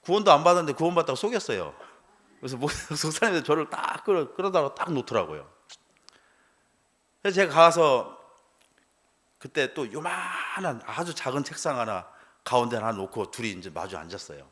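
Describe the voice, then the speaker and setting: A man's voice: mid-range voice, big pitch swings, normal speed, pauses often, fairly bright tone. A middle-aged male pastor telling a personal testimony in a church sermon, acting out the dialogue and laughing as he goes.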